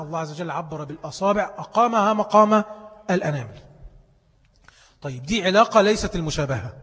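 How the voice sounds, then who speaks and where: A man's voice: sits high, a bit bright, slightly rough. A male teacher with an Egyptian Arabic accent gives a classroom lesson, firing questions at his listeners and then answering them himself. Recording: long hall reverb.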